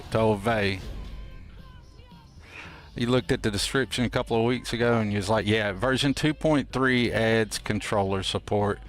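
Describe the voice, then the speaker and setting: A man hosting a game stream with casual, folksy, playful and rambling commentary. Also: on the low side. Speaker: host of a gameplay livestream.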